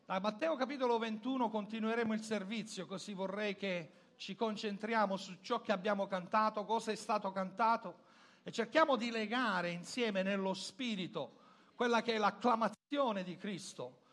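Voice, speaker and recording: High-voiced Italian preacher. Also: male voice, moderate pace. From Italy. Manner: preaching with swings between loud exclamations and low, quiet asides. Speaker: pastor. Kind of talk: sermon.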